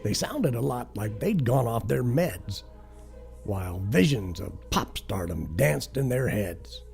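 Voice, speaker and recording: Gravelly man reciting a cheeky parody poem. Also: medium pitch, very animated, slow pace, a little mellow. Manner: crude, cheeky storytelling. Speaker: narrator. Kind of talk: comic rhyming verse recitation. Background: music.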